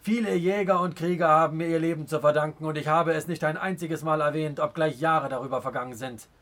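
A man's voice: on the high side, fairly bright tone. A man voicing a proud, stern Native chief in an audiobook, speaking in a scornful, commanding way. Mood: angry. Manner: scornful, commanding, slow and weighty. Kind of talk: audiobook character reading.

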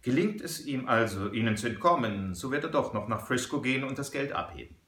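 Man reading a cool-headed frontier hunter, steady and firm, bright voice, echoey room. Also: mid-range voice, natural voice. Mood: calm. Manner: measured, explaining, firm. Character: calm, shrewd male frontier hunter.

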